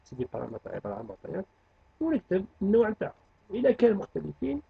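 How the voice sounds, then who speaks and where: A man's voice: high-pitched, wildly swooping pitch, very fast, gravelly, husky, narrow, tinny audio. A man teaching a programming review lesson, mixing French terms into his speech.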